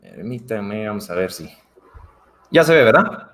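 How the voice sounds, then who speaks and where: A man's voice: lowish voice, sing-song, unhurried, fairly bright tone. A Guatemalan man speaking as a guest on a video call, chatting casually and acting out the voices of the people he quotes. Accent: Guatemalan Spanish. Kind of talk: conversational talk on a video call.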